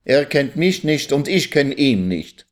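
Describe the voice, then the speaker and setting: A man's voice: mid-range voice, very animated, unhurried, voice pushed up. A man voicing a despairing young husband who pleads and cries out.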